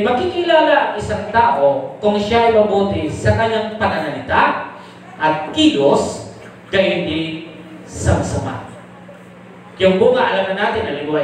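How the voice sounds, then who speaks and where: A man's voice: high voice, a little hiss or hum. A male pastor preaching a live sermon, often asking the congregation rhetorical questions and switching into English for his summary points. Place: church service hall. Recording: very echoey live church recording from a distant mic.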